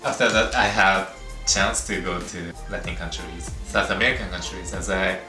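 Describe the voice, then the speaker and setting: A Japanese man in his thirties, a native Japanese speaker chatting in halting English on a couple's vlog and laughing often between words. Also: sits low, fairly even intonation, roomy sound, far from the mic, over music. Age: 30s. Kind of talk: casual chat.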